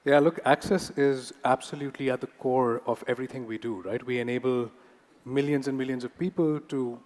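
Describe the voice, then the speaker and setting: A man's voice: medium pitch, steady tone, brisk, a little mellow. A man speaking as a corporate panelist, explaining points conversationally with small check-in tags. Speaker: panelist, payments company representative. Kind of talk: conference panel answer. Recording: reverberant conference hall.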